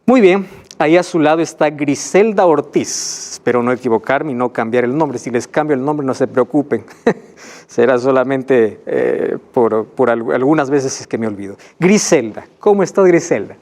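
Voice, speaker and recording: A man's voice: medium pitch, expressive, moderate pace, darkish tone. A man from Peru, a pastor hosting a Bible program and introducing guests in a friendly way. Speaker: pastor and host.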